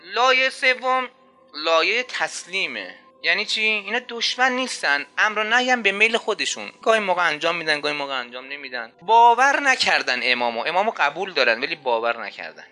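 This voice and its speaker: A man's voice: high-pitched, very animated, bright, forceful tone, faint music behind. A man preaching a religious sermon in an emphatic style, repeating key phrases and asking rhetorical questions.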